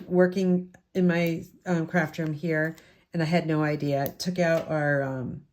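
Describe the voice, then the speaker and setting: A woman from the United States, her voice raspy from a lingering head cold, chats through a step-by-step card-making tutorial in her home craft room. Her voice is deep and a little mellow.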